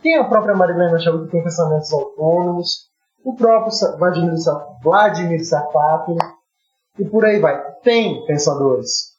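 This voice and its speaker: A Brazilian man with a Brazilian Portuguese accent, talking in a halting, ironic way with many restarts on a casual podcast. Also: a little high, a little mellow. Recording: roomy, slightly dull audio with faint music.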